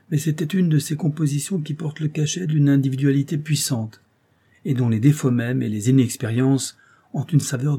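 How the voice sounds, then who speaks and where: A man reading a classic novel aloud as an audiobook narrator, in a measured, formal way. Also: medium pitch, dark tone, breathy edge.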